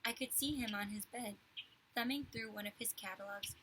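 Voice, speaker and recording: A woman reading a chapter book aloud to children, pausing to explain words in a clear storytelling manner. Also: on the high side, pushed and bright, slight background noise, rough recording.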